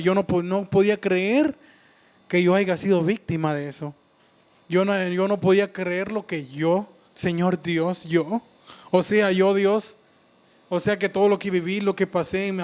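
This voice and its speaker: A man giving an earnest, halting personal faith testimony, often restarting and repeating himself. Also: high voice. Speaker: church member giving testimony.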